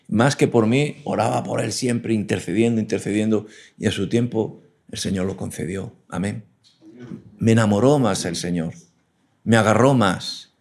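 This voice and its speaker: A man's voice: fairly low pitch, darkish tone. A man preaching an earnest sermon, punctuated with frequent amens and restarts. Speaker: preacher and teacher.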